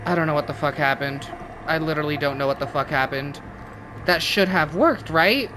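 A woman's voice: low-pitched, normal speed, background noise. A woman giving casual let's-play commentary on a shooter, frustrated and swearing often as she rants about her plays. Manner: frustrated, swears a lot, ranting. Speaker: gaming YouTuber.

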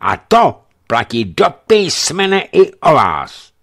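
A man reading aloud and voicing an arrogant, bullying naval officer who shouts and curses. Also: fairly low pitch, expressive. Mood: blustering anger. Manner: loud, blustering, cursing.

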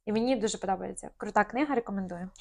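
A woman's voice: mid-range voice, very fast, creaky. A young woman co-hosting a casual chat, talking easily with lots of fillers and small hesitations. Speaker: podcast co-host.

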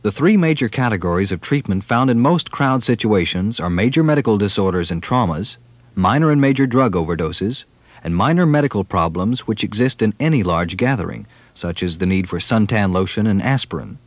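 A man reading formal, scripted documentary narration in a measured way. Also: fairly low pitch, expressive, no echo.

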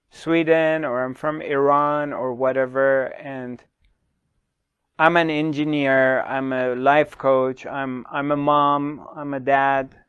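A middle-aged man, a spiritual teacher, speaking slowly to the camera with long pauses and repeated questions, on a lapel mic in a small studio. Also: on the high side, a bit bright, smooth, no echo, lo-fi sound. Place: small dark studio, indoors.

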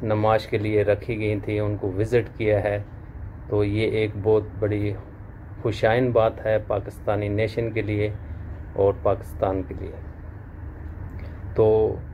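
Brief: man in his 30s, channel host, slow and even, dark mellow tone, faint hum behind. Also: on the low side. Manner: slow, measured, formal greetings. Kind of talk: news update to camera. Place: small indoor room, plain wall.

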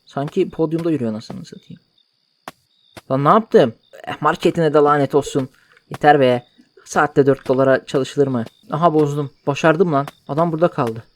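A man's voice: a little high, moderate pace. A man giving joking, mock-outraged let's play commentary while translating game dialogue aloud. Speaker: gaming YouTuber.

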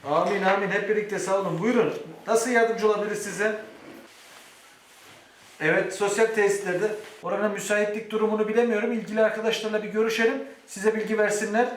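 A man's voice: sits high, fairly even intonation, fairly quick, distant mic. A man speaking courteously and formally as a municipal official. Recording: long reverberant hall sound, faint noise.

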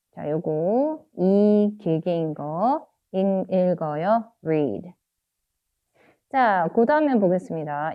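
Slow, patient woman English teacher. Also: medium pitch. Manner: repeats each English word slowly, drawing it out. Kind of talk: phonics lesson, explaining in Korean. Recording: dull lo-fi recording.

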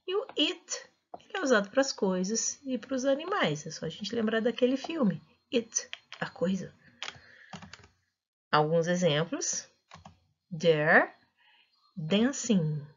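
A Brazilian woman teaches English grammar and spells out each example slowly and with care. Her husky voice moves up and down a great deal as she explains. The recording sounds dull and lo-fi. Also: mid-range voice. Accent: Brazilian Portuguese. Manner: slow, careful, lively teaching voice with drawn-out example phrases.

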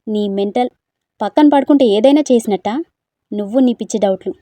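Irritable young man in a storybook, curt and scolding, read by a woman, mellow tone. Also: fairly high pitch, a little fast, dry recording, natural voice. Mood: irritated.

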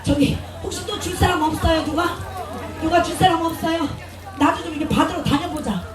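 A woman's voice: extremely high pitch, brisk, over music. A woman stage performer joking with a live audience and thanking them over and over, speaking through a stage microphone at an outdoor festival. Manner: joking, chatty, effusive thanks. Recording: echoey PA sound, taped from far off, crowd noise.

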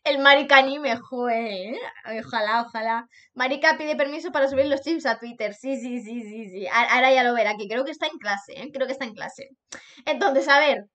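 A woman's voice: high voice, normal speed, a bit bright, highs cut off. A young woman from Spain with a Spanish accent, chatting live on stream while reacting to fan art, bubbly, laughing often and breaking into sing-song bits.

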